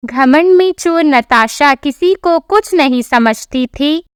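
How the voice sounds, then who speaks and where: A woman with a high voice tells a household tale in a slow, measured read. The sound is close and very dry. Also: no echo. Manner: even, storytelling. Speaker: narrator. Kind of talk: scripted storybook narration.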